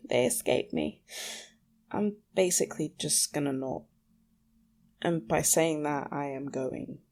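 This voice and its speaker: Her fairly low, slightly mellow voice carries vocal fry as this young podcast host talks alone into a small microphone in her small bedroom at home. The monologue wanders, confessional, anxious, and self-deprecating.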